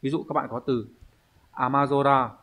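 Man explaining slowly, thinking aloud. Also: mid-range voice, fairly even intonation, fairly bright tone. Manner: thinks aloud, slow explanatory delivery with pauses. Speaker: Japanese teacher. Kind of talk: online language lesson.

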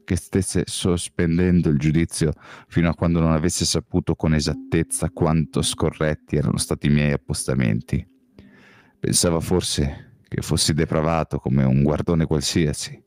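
A man reading a novel aloud as an audiobook, in first-person narration with a measured, calm delivery. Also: extremely low pitch, no echo, studio quality. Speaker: audiobook reader.

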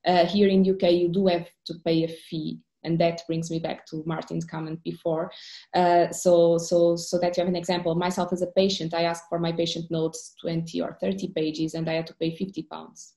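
Woman, lowish flat voice, mellow tone, echoey room, video call. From Portugal. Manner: repeats openers, measured. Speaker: panelist. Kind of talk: panel discussion over video call. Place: home room indoors.

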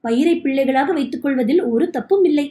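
A worried, hardworking farmer speaks plainly about his crops, as a woman reads him aloud. The voice is high and mellow. It echoes in the room. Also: brisk, close to an everyday voice. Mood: earnest.

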